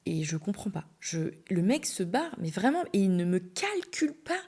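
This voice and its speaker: Gravelly-voiced woman telling a candid story. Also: medium pitch, sing-song, moderate pace, darkish tone. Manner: chatty, candid and slangy, full of "euh" fillers. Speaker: podcast host. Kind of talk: casual storytelling.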